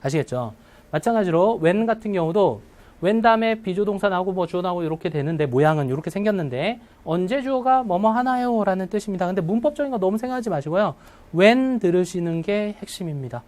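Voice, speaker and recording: A man teaching an English test-prep class to live students, often checking in with questions and slowing down to model phrases. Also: sits high, expressive, darkish tone. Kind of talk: classroom lecture.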